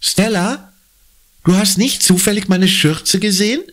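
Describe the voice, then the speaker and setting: A man voicing an anxious, superstitious schoolgirl in an audiobook, with shrill, dismayed outbursts. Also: measured pace, fairly bright tone. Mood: questioning. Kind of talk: audiobook character voice.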